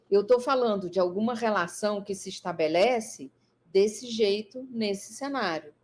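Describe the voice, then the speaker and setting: A woman with a Brazilian Portuguese accent, a psychologist guest explaining her ideas in a conversational talk, thoughtful and full of fillers and restarts. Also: fairly high pitch. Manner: thoughtful, many fillers and restarts, lively emphasis.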